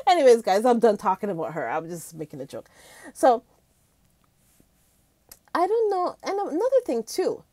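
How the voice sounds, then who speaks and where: A woman vlogging in a loose, chatty way, gushing to her viewers and calling them guys. Her voice sits a little high and swings widely in pitch. The sound is dry and close, with no room echo. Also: wildly swooping pitch, a little slow, long pauses, mellow. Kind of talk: casual commentary chat.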